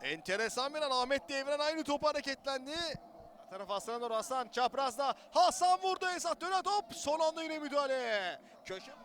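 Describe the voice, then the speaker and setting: A man doing excited live football play-by-play in speech, bursting into drawn-out screams on goals. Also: very high voice. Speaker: football match commentator. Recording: noisy outdoor match recording.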